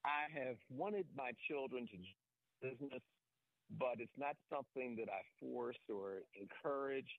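A man's voice: medium pitch, measured pace, creaky, no room sound. A middle-aged man calling in over the phone to a talk show, courteous and reflective as he asks his question. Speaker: caller. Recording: tinny phone line.

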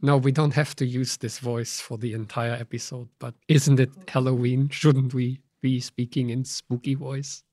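A man putting on a slow, drawn-out spooky Halloween voice, heard from a distance off the mic. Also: mid-range voice, flat delivery, warm tone, no room sound, clean studio sound, close to an everyday voice.

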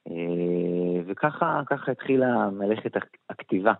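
A middle-aged man with a lowish voice answers slowly and thoughtfully, filling his pauses with hesitant sounds. The sound is thin and phone-like, with a dry, close feel. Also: expressive, creaky, dry recording. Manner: hesitant, many pauses and fillers. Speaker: interview guest, author. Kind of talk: reflective interview answers.

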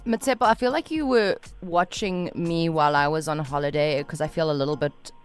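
Female radio host, South African accent, chatty and animated, loose conversational phrasing. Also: low-pitched, fairly quick, clean tone, soft background music. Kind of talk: casual radio chat.

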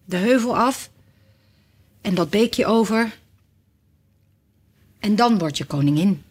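A gentle, eccentric storybook knight, played by a woman, speaks in an earnest, measured rhythm. His words come slowly, with steady and unhurried care. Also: mid-range voice, breathy edge.

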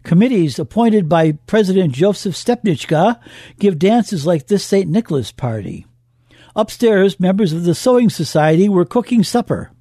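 A man narrating a scripted radio history piece in a measured, even reading. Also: sits high, dry recording, studio quality.

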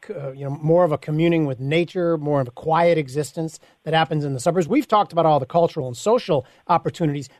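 A man's voice: fairly high pitch, a little mellow, dry recording, studio quality. A middle-aged man from the Chicago suburbs, hosting and asking long, rambling interview questions full of restarts. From Chicago suburbs, USA. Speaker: host.

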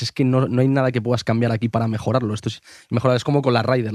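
A man's voice: mid-range voice, darkish tone, no echo, clean studio sound. A young man from Spain with a Spanish accent, a golf analyst chatting on a sports show, eager and restarting his sentences. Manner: rapid, enthusiastic, restarts sentences. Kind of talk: casual sports chat.

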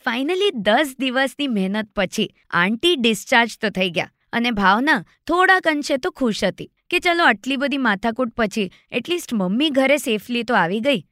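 A woman's voice: on the high side, expressive, normal speed, a bit bright, no room sound, studio quality. A woman in her thirties hosting a finance podcast, telling a story in a chatty way and acting out the lines of a friend. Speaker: podcast host.

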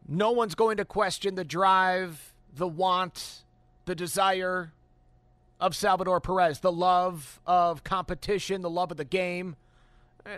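A man hosting a postgame sports radio call-in show, talking in an animated, emphatic way with fillers and restarts. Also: sits high, no echo. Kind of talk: sports talk radio, opinionated analysis.

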